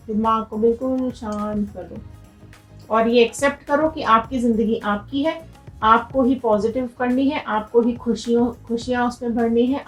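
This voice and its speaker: A woman with a fairly high voice gives a tarot reading straight to her viewers. She talks in an urgent, motivational way, pressing them to act. Soft music plays faintly behind her. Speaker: tarot reader.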